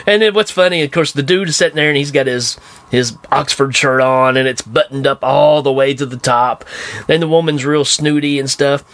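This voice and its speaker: A podcast co-host jokes his way through a casual chat about a bad movie, animatedly acting out its scenes. He has a medium-pitched voice, talks at normal speed, and the recording is dry.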